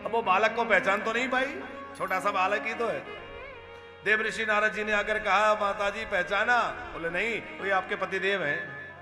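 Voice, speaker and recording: A high-pitched male preacher telling a devotional story. He chants Sanskrit verses and voices each figure's dialogue himself. A violin plays clearly behind him. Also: fairly even intonation, normal speed, over music. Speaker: kathavachak preacher.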